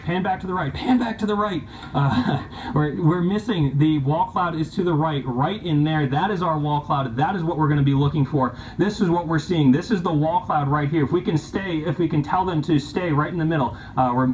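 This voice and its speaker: Insistent, higher-voiced male weather forecaster. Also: a little mellow, a little hiss or hum, rough recording. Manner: insistent, repeating instructions. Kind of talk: live storm commentary.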